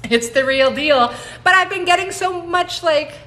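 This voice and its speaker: Woman, 40s, herbalist host, casual and laughing livestream chat, bright tone. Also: very high-pitched, animated, a little slow. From United States. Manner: chatty, laughs often, greets viewers by name. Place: home on a mountain, indoors.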